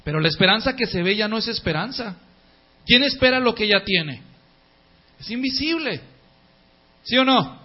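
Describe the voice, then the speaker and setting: Male pastor, high-pitched, emphatic sermon delivery, dull lo-fi sound. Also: expressive, normal speed, long pauses. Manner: emphatic, repeats key words in lists, swings from loud to soft.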